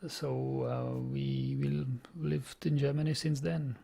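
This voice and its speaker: His mid-range voice is gravelly, mellow, and slightly rough, steady in tone and a little slow. A young man from the Czech Republic with a Czech accent, he chats casually on a programming live stream and often repeats words while thinking aloud.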